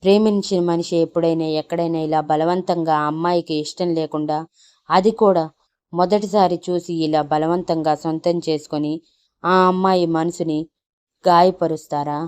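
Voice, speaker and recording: A woman's voice: on the low side, steady tone, normal speed, darkish tone, clear, resonant tone, close to an everyday voice. A woman voicing a distraught young woman who speaks in a tearful, accusing way in a storybook audio drama.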